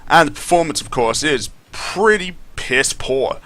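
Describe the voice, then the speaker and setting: A man's voice: fairly high pitch, lively intonation, unhurried, a bit bright. A man doing casual gameplay commentary, complaining and swearing in a disgruntled way. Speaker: gaming commentator.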